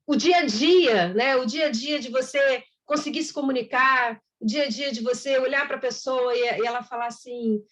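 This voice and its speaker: A woman speaks in a high, light voice as she gives a Spiritist lecture. Her delivery is conversational, and she acts out small exchanges of dialogue. She talks like she is chatting with the audience. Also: normal speed, hardly any pauses, fairly bright tone. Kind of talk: spoken lecture.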